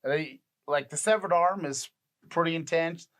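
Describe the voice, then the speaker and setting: A man's voice: fairly high pitch, moderate pace, fairly bright tone. A man in his thirties co-hosting a casual podcast, rambling and laughing often. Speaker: podcast co-host. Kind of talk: casual chat.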